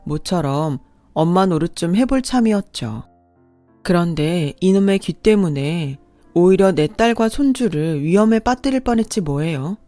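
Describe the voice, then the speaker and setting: A woman's voice: lowish voice, expressive, a little slow, mellow, no room sound, soft background music. A woman in her sixties narrating a radio drama in the first person, in a confiding and emotional way.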